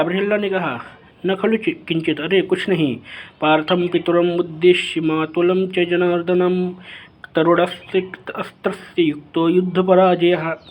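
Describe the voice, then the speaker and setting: High-voiced male teacher reading and explaining. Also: lo-fi sound. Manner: reads each Sanskrit line, then paraphrases it; raises his voice when reading the lines of characters. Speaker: Sanskrit teacher. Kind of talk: explaining a Sanskrit text line by line in Hindi.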